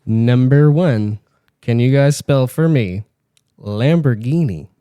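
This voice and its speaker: A man co-hosting a podcast, running a spelling game with teasing banter and spelling words out slowly. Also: medium pitch, dark tone, clear, resonant tone, no echo.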